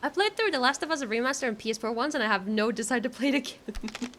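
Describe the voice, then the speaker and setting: A woman doing casual live game commentary for her stream chat, excitable and nervous, with giggles and exclamations. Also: fairly high pitch, fast, a little hiss or hum.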